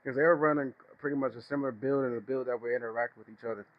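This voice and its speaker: A male gamer talks through his match in a loose, rambling way, often laughing at his own remarks. His voice sits at an ordinary middle pitch. The recording is muffled and lo-fi. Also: steady tone, rapid-fire. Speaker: gaming streamer. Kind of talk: casual gameplay commentary.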